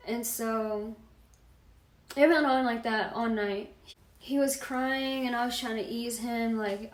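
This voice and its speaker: Young woman vlogger, casual slangy storyteller, slightly high voice, roomy sound. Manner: slangy, fills talk with "like". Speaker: vlogger telling a personal story.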